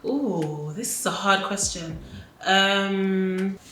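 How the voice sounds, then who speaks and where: A woman's voice: mid-range voice, drawn-out words, fairly bright tone. Reflective young woman, echoey room. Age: 20s. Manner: reflective, casual, many fillers. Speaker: interviewee. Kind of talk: documentary interview. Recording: echoey room with faint noise.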